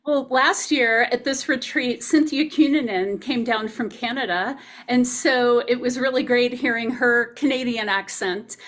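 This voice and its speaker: A woman with a bright, high-pitched voice interviews a guest over a video call. She sounds enthusiastic and upbeat, like a host promoting an event she cares about. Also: fairly even intonation, a little slow, hardly any pauses. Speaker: interviewer and retreat organizer. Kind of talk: casual interview chat.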